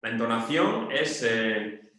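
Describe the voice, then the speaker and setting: Casting note: man, mid-pitched, explaining things like a public speaking coach, recorded in a heavily echoing room. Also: sing-song, slow pace, sharp tone. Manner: explains with examples, asks "¿vale?". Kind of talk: casual video lesson. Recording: very echoey room.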